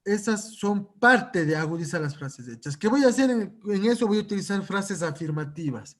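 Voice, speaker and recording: A man's voice: sits high, animated, normal speed, fairly bright tone. A man lecturing at a conference on psychological first aid, checking in with his audience through frequent rhetorical questions.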